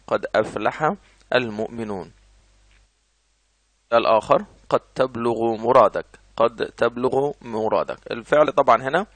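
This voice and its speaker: A man with an Egyptian Arabic accent explains grammar in an ordinary middle-pitched voice. He reads each example twice and then asks and answers his own questions. The recording is dry and close, with no room sound. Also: fairly bright tone, dry recording. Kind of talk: explanatory lesson.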